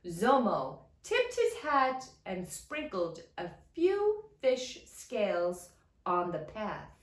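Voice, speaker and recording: Animated, slow-paced woman telling a trickster tale. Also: medium pitch. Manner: dramatic, expressive storytelling with deliberate emphasis. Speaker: storyteller reading a picture book. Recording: roomy echo, mic at a distance.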